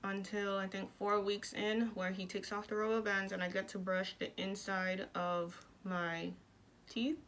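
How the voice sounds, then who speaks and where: A woman's voice: medium pitch, level tone, measured pace, fairly bright tone, slight background noise. A woman talking casually in a personal vlog, speaking through clenched teeth with little mouth movement. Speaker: vlogger sharing recovery from jaw surgery.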